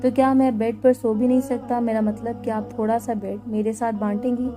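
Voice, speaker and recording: A woman voicing a gentle, flustered young groom in a romance story, with faint music behind. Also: on the high side, flat delivery, fairly quick, lightly acted. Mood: coaxing. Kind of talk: story narration.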